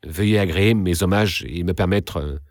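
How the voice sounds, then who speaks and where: An earnest, slightly awkward young student, as a male reader gives him voice, spoken low and deep. The sound is close and dry. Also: normal speed, dry recording, lightly acted. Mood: hesitant.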